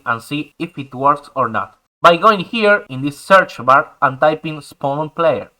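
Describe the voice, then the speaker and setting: This poorly recorded screen-capture tutorial features a young Spanish-speaking man talking in English with a fairly high, pushed, bright voice. He patiently walks through a game map editor step by step.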